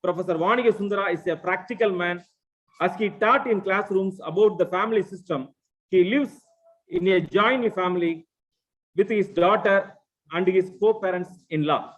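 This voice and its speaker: A man's voice: sits high, normal speed. A man formally reads out an introduction of a guest speaker at an online conference. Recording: dull, lo-fi call audio.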